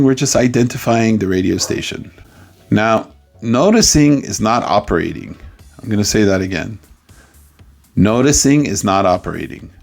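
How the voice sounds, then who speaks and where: A man as a life coach, giving a playful, jokey coaching talk with sudden loud outbursts. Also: medium pitch.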